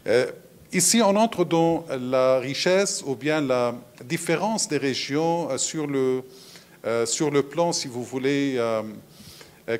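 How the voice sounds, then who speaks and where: A man, a musicologist explaining things at a round table, with frequent hesitations. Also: mid-range voice. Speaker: musicologist on a panel. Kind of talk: round-table lecture talk.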